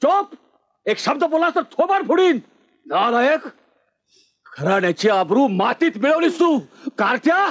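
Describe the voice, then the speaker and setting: A man's voice: very high-pitched, sing-song, a little slow, long pauses, a bit bright, full character voice. An actor playing an older, stern father who rebukes his son angrily, in a film scene. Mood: angry. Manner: angry, rebuking.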